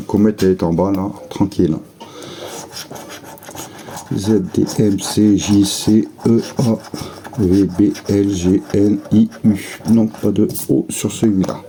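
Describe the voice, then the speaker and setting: Low, dark-voiced man, unhurried home vlogger, mumbles through letters one by one; faint room hiss. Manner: slow, methodical, muttering letters and words to himself. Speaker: scratch-ticket vlogger. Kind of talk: casual running commentary while scratching tickets.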